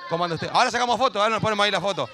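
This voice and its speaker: A man hosting a school event on stage, chatting and joking with teachers and kids, cheering one moment and dropping into low asides the next. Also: very fast, pushed and bright. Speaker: event host.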